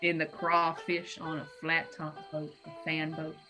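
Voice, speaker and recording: A woman's voice: low voice, completely flat delivery, measured pace, bright, forceful tone, faint music behind, rough recording. A woman chatting casually as a player in a tabletop game, rambling and laughing as she tosses out ideas.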